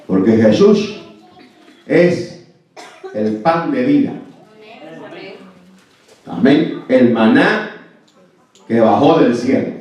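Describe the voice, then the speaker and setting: A man's voice: medium pitch, dark tone. A man from El Salvador, preaching a sermon as a pastor, emphatic and often asking "amén" and "¿verdad?". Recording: very echoey, distant, muffled church recording.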